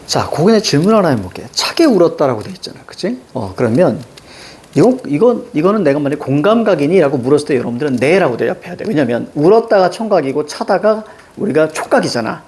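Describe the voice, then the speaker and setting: Lively, questioning male teacher. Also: on the high side, fast. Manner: lively, questioning, tags checks like "그치?". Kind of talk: classroom lecture on Korean poetry. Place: classroom with a blackboard.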